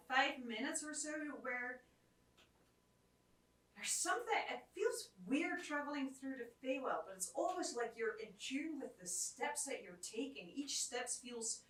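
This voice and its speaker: A woman narrating as game master of a tabletop game, descriptive and quick to laugh. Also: high voice, fairly bright tone. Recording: echoey room, far from the mic, faint music.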